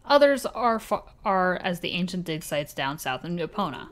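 A woman voicing a kindly older male village blacksmith in a vague put-on accent, reading game dialogue aloud in a formal, warm way. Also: on the low side, big pitch swings, moderate pace. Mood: earnest.

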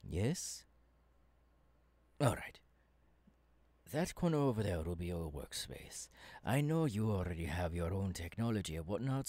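A man playing an eager, kindly professor mentoring an apprentice in an ASMR roleplay, with halting, dramatic pauses. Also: fairly low pitch, dark tone, no room sound, full character voice. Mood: helpful, attentive. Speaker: voice actor, ASMR artist.

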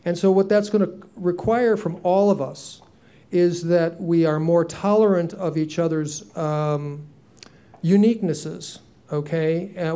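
On a conference panel, a man in his sixties answers questions while seated on stage in a conference room, speaking into a handheld mic. His voice is a little high, with a dark, clean tone. He comes across as earnest and reflective, with frequent ums and restarts.

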